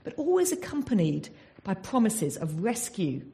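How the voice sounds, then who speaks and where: In a sermon from England, a woman teaches earnestly on the Bible, regularly asking rhetorical questions. She speaks at normal speed in a mellow, sing-song, mid-range voice.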